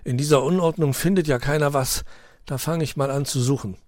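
A man doing an excited young dog. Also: on the high side, a little fast, no room sound, studio quality, voice pushed up, close to an everyday voice. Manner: excited, persuasive. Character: eager young male dog schemer.

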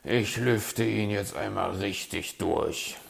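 A man's voice: lowish voice, animated, measured pace, a bit bright, heavily acted. Man doing a grumbling, know-it-all fox. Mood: gruff. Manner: grumbling, gruff, sardonic.

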